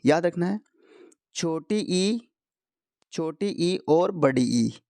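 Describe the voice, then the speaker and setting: A man teaching Hindi grammar to exam students, going slowly, posing questions and answering them himself. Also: a little high, a little mellow, no room sound, clean studio sound. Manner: slow, repeats key answers, asks and answers his own questions. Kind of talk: explanatory lesson for competitive exam students.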